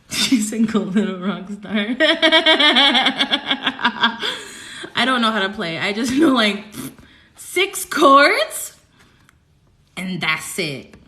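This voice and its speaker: A young woman giving a casual livestream tarot reading, chatty and excitable, rambling with giggles. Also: lowish voice, reverberant. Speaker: tarot reader.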